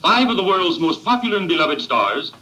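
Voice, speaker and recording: An actor playing an excitable 1930s radio announcer in an old newsreel manner, breathless and showy, on a vintage film soundtrack. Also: male voice, high voice, fairly quick, full character voice, poor audio. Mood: excited build-up.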